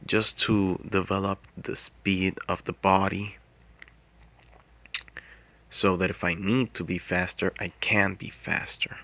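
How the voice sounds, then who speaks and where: A man speaks quietly, as if late at night, in a low voice with heavy fry. He explains things casually on his own, very slowly, with halting pauses in the middle of phrases. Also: level tone. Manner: halting, pausing mid-phrase. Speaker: martial arts vlogger. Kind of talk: casual solo talk explaining fighting technique.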